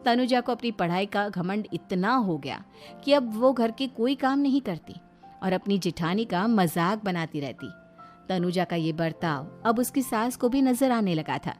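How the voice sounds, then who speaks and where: A woman tells a family cartoon story in a steady, expressive storybook voice. Her pitch sits in the middle, and faint music plays beneath her narration. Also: measured pace.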